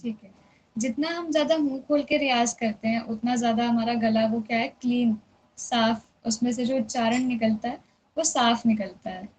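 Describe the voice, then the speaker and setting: A woman's voice: fairly high pitch, a little mellow. Patient woman teaching singing basics. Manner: patient, checks understanding often; drawn-out demonstration of syllables. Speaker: music teacher. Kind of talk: online singing lesson. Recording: dull lo-fi sound with faint noise.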